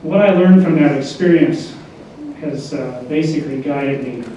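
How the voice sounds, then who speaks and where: Older man giving a halting eulogy. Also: on the high side, dark tone, a little hiss or hum. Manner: halting, with frequent pauses and fillers. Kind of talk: memorial tribute speech. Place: large echoing hall. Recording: echoey lo-fi hall recording from far off.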